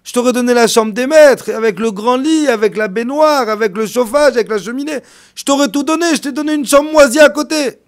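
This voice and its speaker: A man voicing a distraught homeowner who begs forgiveness, loud and high. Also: a little fast. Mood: anguished pleading. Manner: loud, pleading, high-pitched.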